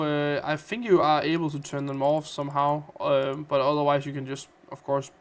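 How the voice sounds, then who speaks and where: A Danish man with a smooth, highish voice hosts a casual gaming livestream. Chatty and playful, he reads out viewer comments and answers them.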